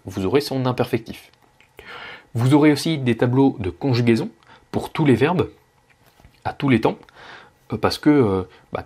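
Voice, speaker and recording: A young man who teaches Russian walks through the steps of his online course. He talks casually, with many fillers and restarts, at a medium pitch. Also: a little mellow.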